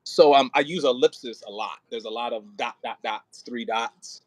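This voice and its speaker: A director of an audio play coaches an actor with casual, conversational rehearsal and line notes, often demonstrating how lines could be read. His voice is mid-range at normal speed, with no room sound.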